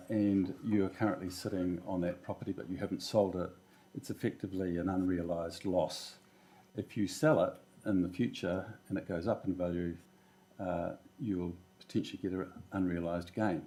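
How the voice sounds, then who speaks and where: A man's voice: low voice, steady tone, normal speed, warm tone. A man with a New Zealand accent at a council meeting, explaining finances in plain terms with everyday examples.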